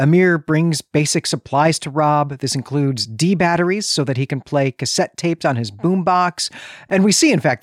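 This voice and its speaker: Recorded in studio quality with no room sound, a man with a slightly high voice co-hosts a podcast, discussing a movie and summarizing its plot with earnest emphasis in a conversational tone.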